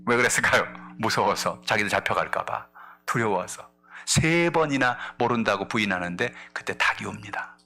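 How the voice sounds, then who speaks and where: A male pastor preaching a sermon, telling a story with energy and acting out the characters' lines, moving between loud exclamations and hushed asides. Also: on the low side, animated, moderate pace, slight background noise.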